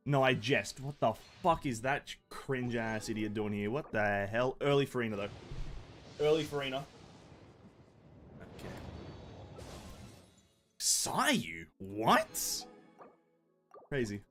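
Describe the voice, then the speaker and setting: A young man casually commenting on his own game pulls, mostly dry and muttering, at times breaking into loud excitement. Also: mid-range voice, moderate pace, soft background music. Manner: deadpan and muttering, bursting into shouting excitement. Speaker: game streamer. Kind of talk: casual live-stream commentary.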